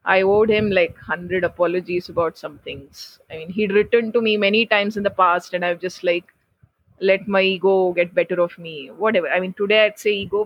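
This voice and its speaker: A woman with an Indian accent chatting casually on a podcast, on a dull, roomy recording. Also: medium pitch. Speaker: podcast participant. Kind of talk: casual chat.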